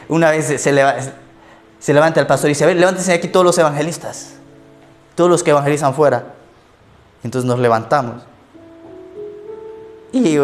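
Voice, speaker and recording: Male pastor, sermon with self-mocking stories, fairly high voice, faint music under. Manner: storytelling with self-mocking anecdotes and laughter. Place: church service.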